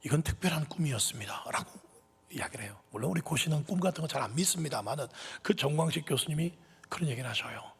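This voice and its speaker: A man's voice: a little high, expressive, rapid-fire, gravelly, slightly rough. A pastor in his fifties giving a sermon with a personal testimony, telling it with emotion that swells to impassioned peaks, recorded in a church sanctuary. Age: 50s. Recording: reverberant church hall.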